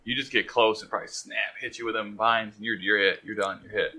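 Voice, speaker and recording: A man's voice: on the low side, steady tone, fast talker, bright, forceful tone. A young man from the American Midwest co-hosting a podcast in casual chat, joking and slipping into silly voices. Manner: joking, slips into goofy put-on voices. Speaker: podcast co-host.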